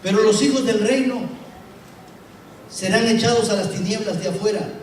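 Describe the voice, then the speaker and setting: A male pastor preaching a sermon dramatically, with rhetorical questions, swinging between loud and soft. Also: sits high, moderate pace, a little hiss or hum. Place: church sanctuary. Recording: echoey church room from far off.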